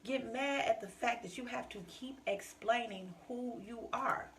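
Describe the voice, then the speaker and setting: Podcast host, woman, fiery and emphatic, gravelly edge, faint noise behind. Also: on the high side, a little slow, fairly bright tone. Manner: passionate, emphatic, direct address to listeners. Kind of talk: casual solo podcast monologue.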